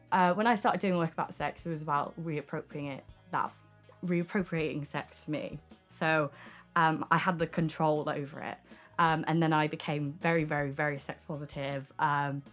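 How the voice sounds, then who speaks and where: A young adult woman talking frankly and informally in an interview as an artist, often saying "like" and "um". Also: deep voice. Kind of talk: candid casual interview talk. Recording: music playing behind the voice. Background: music.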